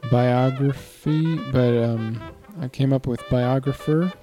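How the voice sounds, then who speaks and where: A man's voice: medium pitch, steady tone, takes it slowly, music in the background. A man co-hosting a casual chat, speaking hesitantly with many fillers and laughing often. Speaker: podcast co-host. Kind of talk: casual chat reading from web articles.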